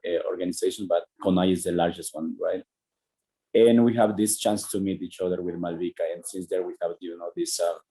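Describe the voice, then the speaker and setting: Low warm-voiced guy w/ ecuadorian spanish accent, lots of uhs and restarts, on a video call. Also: rough recording. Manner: hesitant, many fillers and restarts. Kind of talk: casual talk over a video call.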